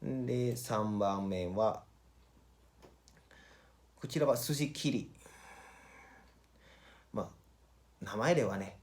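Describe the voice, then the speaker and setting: Male vlogger, lowish voice; casual, halting, bilingual presenter. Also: a little mellow, slight background noise. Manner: informal, halting, repeats phrases and address tags. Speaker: vlogger and cook. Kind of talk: casual vlogger presentation, switching between two languages.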